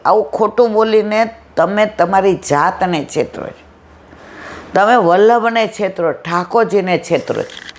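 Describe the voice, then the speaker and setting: Woman giving a storytelling devotional talk. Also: mid-range voice. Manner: storytelling, acting out dialogue, rhetorical questions. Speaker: satsang speaker. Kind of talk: devotional discourse with anecdotes.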